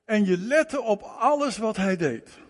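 A man's voice: sits high, expressive, measured pace. A man preaching a sermon, emphatic, repeating words and phrases for stress. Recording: long reverb of a hall.

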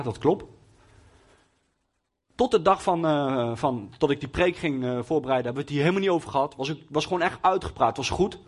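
Husky young man giving a testimony sermon. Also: a little high. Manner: hesitant, with many fillers and restarts. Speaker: lay preacher.

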